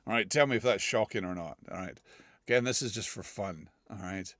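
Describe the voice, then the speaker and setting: In a voice-challenge vlog, a man from the UK switches in and out of accents, mocking himself, laughing often, and chatting loosely in fits and starts. He speaks fairly quickly in a lowish, fairly bright voice, recorded at studio quality with no echo.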